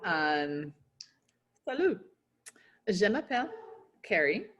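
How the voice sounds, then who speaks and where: A woman's voice: lowish voice, sing-song, slow, a bit bright, lo-fi sound, slight background noise. A woman from Montana learning French as a beginner over a video call, hesitant and full of ums. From Montana, United States. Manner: hesitant, many ums, laughs at her own tries. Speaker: language student. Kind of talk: online one-on-one language lesson.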